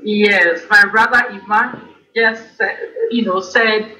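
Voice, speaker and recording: An interview guest talks in a bright, sharp voice that rings around the room. The speech comes hesitantly, with repeated words and pauses. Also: mid-range voice, steady tone, echoey room, poor audio. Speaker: guest artist.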